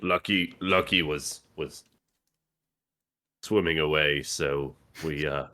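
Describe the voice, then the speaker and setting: A man playing a tabletop game, speaking in a hesitant, halting way. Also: extremely low pitch, pushed and bright. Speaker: player. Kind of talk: casual tabletop play.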